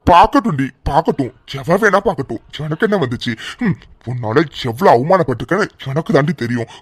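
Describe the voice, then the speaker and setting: A man's voice: a little high, expressive, fairly quick. A man voicing a bitter, humiliated husband in a cartoon serial who scolds his wife harshly. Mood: angry scolding.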